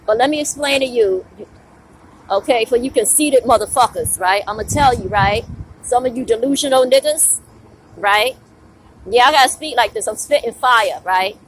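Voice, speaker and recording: A high-voiced woman preaches a fiery, profane rant straight to camera. She stands outside at a bus stop, with faint street traffic under her voice. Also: normal speed, low-quality recording. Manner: fiery, preachy, profane, drops rhetorical "right?" often. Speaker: vlogger. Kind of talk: blunt outdoor rant to camera.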